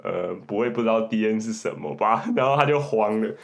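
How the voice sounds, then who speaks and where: Young male host with a Taiwanese Mandarin accent, slightly low voice, tells stories with gusto and mimics voices. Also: brisk, vocal fry. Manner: animated storyteller, mimics voices, bursts of laughter. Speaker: podcast host. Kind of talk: casual chat, storytelling.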